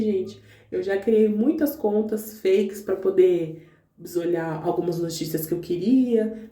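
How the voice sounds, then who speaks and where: A woman's voice: mid-range voice, mellow. A woman giving her faith testimony to the camera in casual, earnest talk. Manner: earnest, talks straight to viewers. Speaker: vlogger sharing her testimony. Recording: roomy echo, distant mic.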